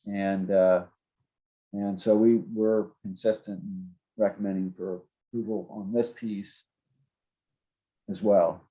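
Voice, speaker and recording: A man's voice: on the low side, level tone, slow pace, mellow, poor audio. A man giving an informal, explanatory presentation as city zoning staff, plain-spoken and a little hesitant.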